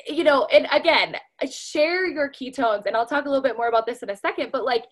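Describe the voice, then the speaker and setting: A woman with a fairly high voice talks to a group in a loose, chatty way. Her sentences are filled with "like" and "you know". She keeps turning to her listeners as "you guys" while she coaches them. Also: a little fast. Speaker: speaker training a sales team. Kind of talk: casual motivational presentation.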